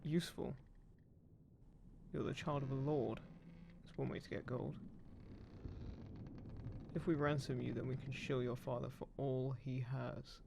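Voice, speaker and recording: In a roleplay audio drama, a man voices a roguish, smug undead pirate captain who is gruffly caring, teasing and menacing the listener in a taunting mood. His mid-range voice is flat and measured, pausing often and never hurried. Creaking wooden ship sound effects run constantly behind him, making the background noisy.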